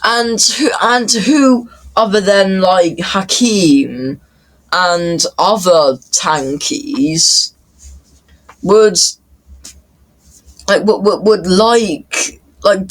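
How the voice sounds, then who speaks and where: A man giving casual off-the-cuff commentary in a halting way, stammering and repeating words. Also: sits high. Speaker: reaction commentator.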